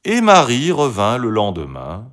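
A man reading a fairy tale aloud as a storyteller, with expressive, dramatic delivery. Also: mid-range voice, a little slow.

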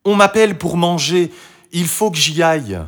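A man's voice: a little high, moderate pace, pitched above the performer's own voice, close to an everyday voice. A man voicing a young, cheerful and kind princess girl in a storybook reading. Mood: eager, bright.

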